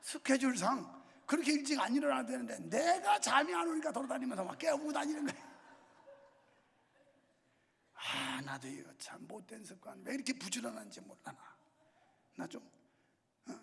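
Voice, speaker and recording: A man's voice: very high-pitched, big pitch swings, normal speed, gravelly, long pauses, fairly bright tone, slight background noise. A pastor in his sixties preaching a sermon in a church, telling stories in a casual, colloquial way with scolding outbursts. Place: church sanctuary. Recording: long church reverb.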